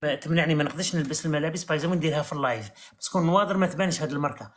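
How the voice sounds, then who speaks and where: Rapid-fire Algerian man arguing on a live stream. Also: on the high side, a bit bright. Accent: Algerian Arabic. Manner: fast, argumentative, exasperated. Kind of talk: heated live stream debate. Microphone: phone on a live stream.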